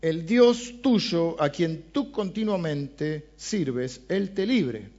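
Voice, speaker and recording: A pleading ancient king, anxious and grieving, his words stretched out slowly, acted by a preacher. The voice sits a touch high for a man. The recording is dull and lo-fi. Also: lively intonation, dark tone, heavily acted.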